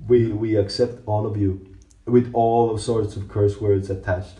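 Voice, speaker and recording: Echoing bathroom sound, male podcast host, lowish pitch, casual, irreverent, tongue-in-cheek. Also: little pitch movement, measured pace, dark tone. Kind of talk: casual, crude comedic podcast chat. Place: bathtub in a small bathroom.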